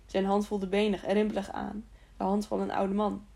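A woman's voice: mid-range voice, monotone, normal speed, vocal fry, warm tone. A woman narrating an audiobook of a children's novel, reading steadily with occasional slips and restarts.

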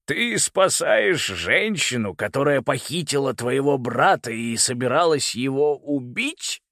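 A man's voice: medium pitch, very animated, slow, creaky, a bit bright, no room sound, studio quality, exaggerated voice. A man voicing a ruthless older grandfather, lord of birds, with a menacing, sneering manner. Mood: mocking. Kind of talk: audiobook character voice.

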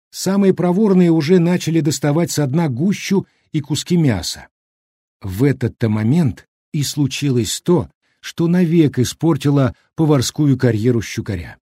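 Brief: male audiobook narrator, lively theatrical delivery, dry close sound. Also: on the high side, breathy edge, no echo. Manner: expressive, theatrical reading. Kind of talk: scripted narration.

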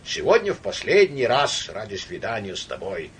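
A man's voice: lowish voice, wildly swooping pitch, moderate pace, slight background noise. A man voicing a tipsy, sentimental young count who rambles and wheedles in his drunk talk. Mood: tipsy rambling.

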